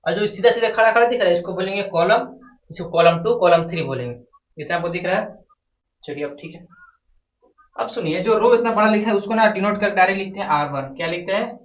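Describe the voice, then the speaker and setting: A man's voice: high voice, quick pace. A man teaching a math lesson at a board, asking his own questions and answering them. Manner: repeats questions to the class and answers them himself. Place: classroom with a board. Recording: echoey room, from a distance, dull lo-fi sound.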